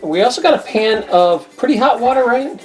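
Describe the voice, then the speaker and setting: A woman's voice: fairly high pitch, expressive, a little fast, darkish tone, faint music behind. A woman hosting a cooking video from her home kitchen, chatting in a rambling, storytelling way as she cooks. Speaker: cooking channel host. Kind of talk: casual chat while cooking.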